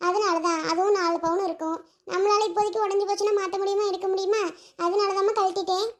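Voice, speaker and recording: A woman voicing a soft-spoken young woman in a cartoon, explaining things mildly. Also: extremely high pitch, level tone, quick pace. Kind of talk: cartoon voice acting.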